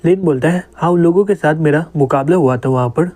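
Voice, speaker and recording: A man tells a manga story and speaks each character's lines in his own voice. His voice sits a little high. Its tone is mellow and soft. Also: a little fast. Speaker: manga explainer narrator. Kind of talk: storytelling narration voicing all characters.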